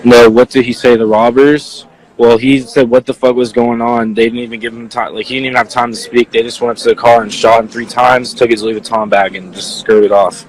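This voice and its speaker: A young man, an eyewitness, answering viewer questions in a casual, halting way, full of "like" and "you know.". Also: medium pitch, flat delivery, low-quality recording. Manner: halting, filler-heavy, leans on "like". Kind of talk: casual spoken account.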